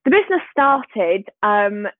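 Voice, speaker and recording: Speaking a little slowly with big pitch swings, this mid-range-voiced woman from Swansea, Wales has a light Welsh accent and a giggly, self-deprecating manner. She is a small business owner guesting on a podcast in casual chat, heard over thin, phone-like call audio without room sound.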